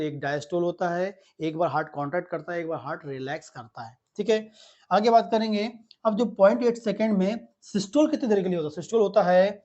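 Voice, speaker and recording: Guy teaching a lecture, fairly high voice, keeps repeating terms, bit muffled audio. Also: darkish tone. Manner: repeats key terms, quizzes himself aloud. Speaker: physiology teacher. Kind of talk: classroom lecture.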